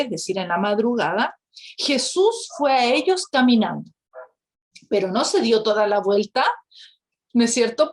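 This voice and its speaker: Animated woman teaching the Bible. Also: a little high. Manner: animated storytelling with rhetorical questions; acts out quoted characters. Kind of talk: Bible lesson.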